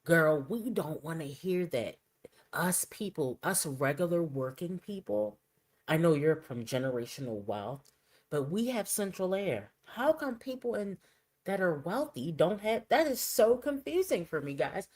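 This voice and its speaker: A low-pitched woman talks through a casual reaction video. She is chatty and opinionated, and she trails off into quiet asides while she fiddles with her screen. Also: big pitch swings, a little slow, low-quality recording. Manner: chatty, opinionated, drops to a mutter while setting up clips. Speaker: commentary channel host.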